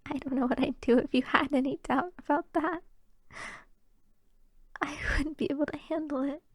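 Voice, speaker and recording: In a close-mic ASMR roleplay, a young woman voices a bashful, affectionate girlfriend, soft and tentative, frequently whispering. Her voice is high and natural, with fairly even intonation at normal speed. The recording is dry.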